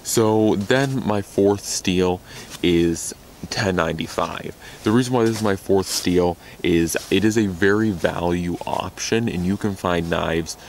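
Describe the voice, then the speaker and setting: Young American man, outdoor gear vlogger: deep and gravelly, rambling and eager. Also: unhurried, slight background noise. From United States. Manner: rambling, self-correcting, enthusiastic about gear. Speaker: knife reviewer. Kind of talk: casual gear review. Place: outdoors in snow.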